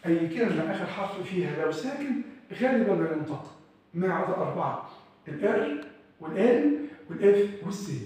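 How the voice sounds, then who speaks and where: A man with a high voice and an Egyptian Arabic accent teaches a classroom lesson. He drills each word by saying it slowly twice and keeps asking the class questions. His voice comes from a distance and rings through a very echoey room. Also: very animated, a little mellow. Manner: drills words by repeating them slowly. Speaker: French teacher.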